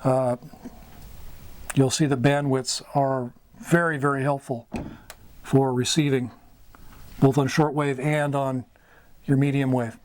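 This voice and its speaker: A middle-aged man hosts a casual whiteboard explainer for a hobby radio tutorial, his mid-range voice level and his speech halting, coming in short phrases with pauses. The small, wood-paneled indoor room adds ambience, and background noise comes through clearly.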